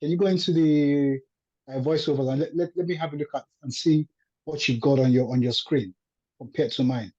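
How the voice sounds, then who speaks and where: A man's voice: a little high, fairly even intonation, brisk, dark tone, husky. A man on a video call politely asking for help, hesitant, with many ums. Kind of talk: video call work meeting. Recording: dull lo-fi call audio.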